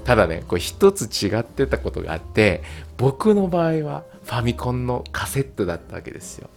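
A man's voice: brisk, creaky, faint music behind. A man hosting a casual solo podcast, chatting with many fillers and laughs. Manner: chatty, frequent fillers and laughs, lively pitch. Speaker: podcast host and English teacher.

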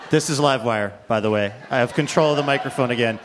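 A man's voice: medium pitch, fast talker, noisy background. A man hosting a live radio show, trading dry, wry retorts and introducing the next act.

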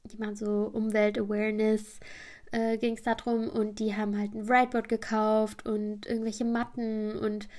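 A woman's voice: mid-range voice, completely flat delivery, moderate pace, darkish tone. A woman hosting a podcast, telling a story in a rambling, chatty way with many fillers. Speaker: podcast host.

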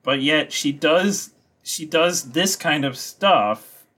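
A man's voice: on the high side, takes it slowly. A man co-hosting a podcast, chatting casually about movies and tossing in mocking impressions. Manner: animated, mocking impressions of characters. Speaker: podcast co-host.

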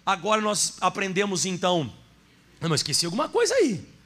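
A man's voice: sits high, wildly swooping pitch, a little fast, fairly bright tone. A man preaching a sermon as pastor, telling a story and speaking directly to his congregation.

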